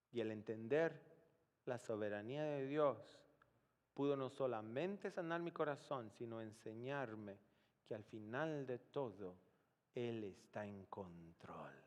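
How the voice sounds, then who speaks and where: A male pastor preaching a sermon, telling a story dramatically, dropping to a hush and then rising to shouts. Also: medium pitch, big-room sound. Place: church.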